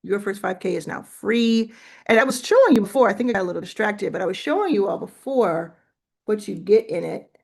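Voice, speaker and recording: This woman's mid-range voice is expressive, gravelly, slightly rough, and a little mellow, and she talks a bit fast. She's hosting a relaxed livestream of live business coaching, warmly encouraging people while giving feedback and musing aloud.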